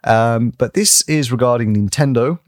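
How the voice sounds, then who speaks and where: A man's voice: mid-range voice, normal speed, a little mellow, no room sound, clean studio sound. A man co-hosting a podcast, chatting loosely with a lot of fillers, laughing often and swearing casually. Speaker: podcast co-host. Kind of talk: casual chat.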